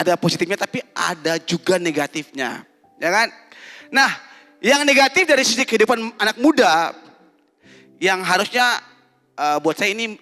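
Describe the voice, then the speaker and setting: A man preaches to young people in a lively, teasing way, tossing questions at the congregation and prompting them to answer. His voice sits high and sounds bright and forceful. It rings with the long reverb of a church hall, and faint music plays underneath. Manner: animated, teasing, quizzes the congregation. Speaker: pastor. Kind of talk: lively youth sermon with call-and-response.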